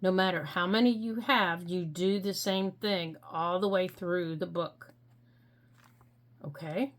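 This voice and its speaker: A middle-aged woman hosting a crafting tutorial, explaining each step gently and patiently with frequent ums. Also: lowish voice, slow pace. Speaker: crafting channel host.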